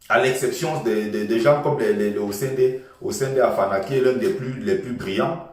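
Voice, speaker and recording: A man's voice: medium pitch, moderate pace, distant mic. Passionate man lecturing in an echoey room. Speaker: political commentator. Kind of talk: impassioned political monologue.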